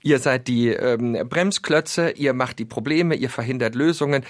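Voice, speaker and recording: Earnest male discussant, halting fillers, dry close mic. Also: medium pitch, dry recording. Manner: earnest, many filler pauses, acts out quotes. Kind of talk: conversational discussion.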